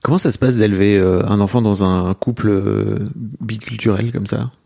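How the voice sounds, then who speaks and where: Male podcast host, casual interview, low gravelly voice, dark mellow tone. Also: normal speed. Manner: relaxed, meandering questions with fillers.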